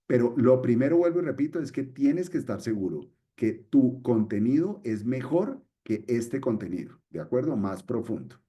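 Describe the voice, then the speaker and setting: A man's voice: mid-range voice, very animated, moderate pace, hardly any pauses, mellow. A middle-aged man presenting a webinar, explaining step by step and repeating his key points. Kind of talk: screen-share webinar explanation.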